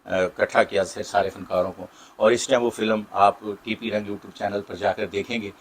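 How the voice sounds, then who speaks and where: A middle-aged actor with a Saraiki accent, answering interview questions in a warm, grateful way with many pauses. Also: male voice, fairly low pitch, fairly even intonation. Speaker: Saraiki drama and film actor.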